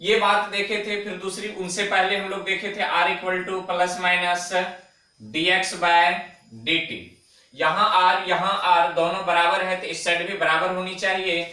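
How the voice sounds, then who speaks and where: Chemistry teacher guy, slow dictation, says stuff twice, sounds kinda far off in a roomy space. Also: high voice, level tone, sharp tone. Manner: dictates definitions slowly, repeating them word by word. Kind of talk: recorded video lecture.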